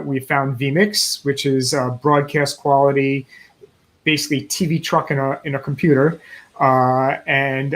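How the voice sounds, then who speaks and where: A man in his forties speaking as a guest on a video call, upbeat as he explains how he built his company. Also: a little high. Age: 40s. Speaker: guest business founder. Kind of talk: interview storytelling.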